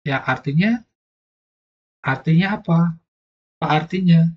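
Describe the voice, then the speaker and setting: A man's voice: fairly high pitch, a little slow, lo-fi sound. A man teaching an online language lesson, explaining patiently step by step.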